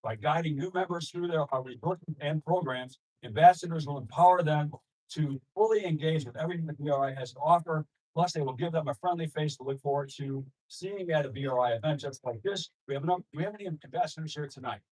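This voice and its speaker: A man from Rochester, New York, emceeing a member dinner as association president, joking loudly and rallying the room. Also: on the high side, fast talker, slightly rough, low-quality recording. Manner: jokey, loud, rallying a room. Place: banquet hall at a dinner meeting.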